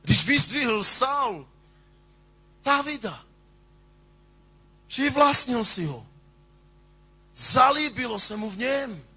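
A male pastor delivers an impassioned sermon. His voice sits high and sounds bright and husky. He swings from singsong shouts to hushed asides. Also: animated, long pauses.

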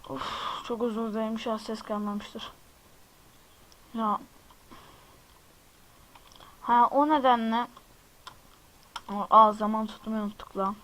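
A man's voice: high-pitched, steady tone, unhurried, pauses often, bright, forceful tone, slight background noise, rough recording. A man casually commenting while playing a game, talking to his viewers and exclaiming whenever something startles him. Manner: chatty, jumpy, exclaims at surprises and addresses viewers. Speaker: gaming video host. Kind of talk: casual let's-play commentary.

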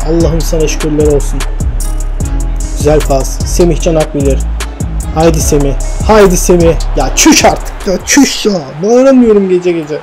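Man, gaming commentary, fairly high voice, dark mellow tone, yells at goals and near misses, calm recaps, soft game music behind. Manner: shouts and groans at the match, then calm recaps. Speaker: gaming YouTuber. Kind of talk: excited gameplay commentary. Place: home room at night.

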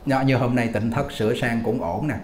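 A Buddhist monk, giving a folksy Dharma talk full of stories and rhetorical questions. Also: male voice, mid-range voice, fairly even intonation, brisk, a little mellow, reverberant, a little hiss or hum. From Vietnam. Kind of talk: Dharma talk to lay followers.

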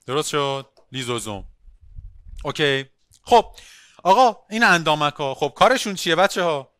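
A male biology teacher giving an online class, lively, asking questions and calling on students by name. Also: a little high, clean tone, dry recording, studio quality.

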